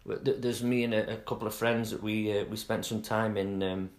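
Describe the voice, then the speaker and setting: A man's voice: fairly low pitch, fairly even intonation, brisk, slight background noise. A middle-aged man from England co-hosting a casual chat, rambling and trailing off mid-sentence with fillers. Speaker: podcast co-host.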